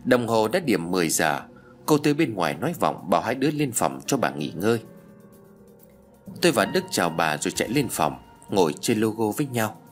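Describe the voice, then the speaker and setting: A man narrating a first-person ghost story in an expressive reading. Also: fairly low pitch, fairly quick, faint music behind.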